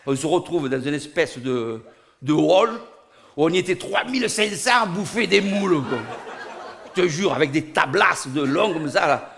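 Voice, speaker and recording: A man with a Niçois southern French accent telling a comic monologue, animated and rising to loud outbursts. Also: a little high, normal speed, vocal fry. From Nice, southern France. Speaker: stand-up comedian. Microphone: studio recording.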